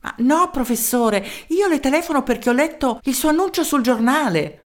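A woman's voice: high voice, lively intonation, normal speed, pitched above the performer's own voice. A woman voicing an earnest male village mayor who talks politely and insistently in a raised voice. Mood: eager.

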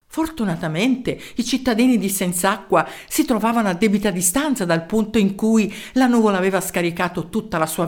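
A woman reading a children's story aloud, expressive and lively, voicing the characters' lines and sound effects. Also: on the high side. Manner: expressive, with sound-effect words and voiced quotes.

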